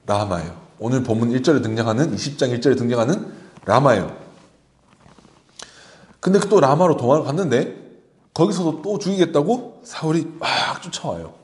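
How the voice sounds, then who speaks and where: A man leads a children's service, retelling a story with plenty of animation. His pitch sits in the middle but rises and falls with a wide, lively range. He often speaks directly to the young listeners. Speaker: children's pastor.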